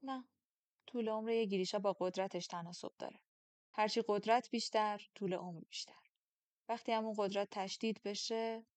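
A woman reading an audiobook, voicing an ancient, powerful man who looks young and speaks quietly and tersely. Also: steady tone, dry recording, close to an everyday voice. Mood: calm, explaining. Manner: quiet, low-key and terse. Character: centuries-old powerful man looking young, calm and guarded.

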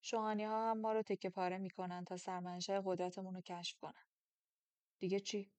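A woman's voice: little pitch movement, no echo, close to an everyday voice. Woman voicing a terse, ageless man of power. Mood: curt. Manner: quiet, low-key and terse. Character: centuries-old powerful man looking young, calm and guarded. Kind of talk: audiobook character reading.

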